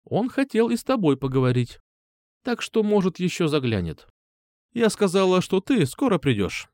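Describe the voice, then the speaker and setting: A man's voice: high-pitched, big pitch swings, normal speed, a little mellow, dry recording, studio quality, pitched above the performer's own voice. A man reading an audiobook, voicing a caring, chatty middle-aged mother in a raised voice. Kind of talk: audiobook character voice.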